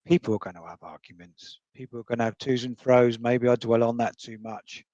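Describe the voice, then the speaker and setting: A man's voice: mid-range voice, flat delivery, a little fast, mellow, no room sound. A man joining a livestream through a group voice call, speaking earnestly and hesitantly, often restarting his sentences in casual chat. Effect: remote participant heard over a group voice call. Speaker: guest on a true crime livestream. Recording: dull lo-fi voice call audio.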